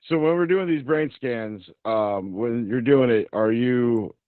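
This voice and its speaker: A man's voice: mid-range voice, slow, dry recording. Man on a choppy, breaking-up internet call. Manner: hesitant, searching for words. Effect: choppy internet call audio that keeps breaking up. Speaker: participant asking a question on a video call. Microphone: computer or phone mic on a video call. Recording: dull lo-fi online call audio.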